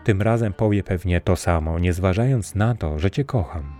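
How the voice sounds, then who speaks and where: A gentle, wistful young princess, read by a man who does not change his voice much, speaking softly and plainly. The voice stays deep. Faint music runs behind the storybook reading. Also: normal speed, natural voice.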